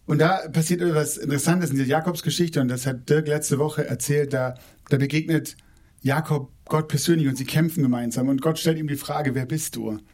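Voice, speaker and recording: Guy preaching, kinda high voice, super casual, lots of restarts, slows way down on the big lines. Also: fairly even intonation, darkish tone. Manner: informal, colloquial preaching with frequent restarts and repeated words; slows down and lowers his voice for emphasis. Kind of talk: sermon.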